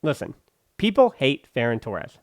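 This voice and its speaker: A man's voice: mid-range voice, huge pitch swings, moderate pace, dry recording, studio quality. A man hosting a football podcast, giving emphatic, opinionated analysis with sarcastic asides and bursts of ranting. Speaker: podcast host.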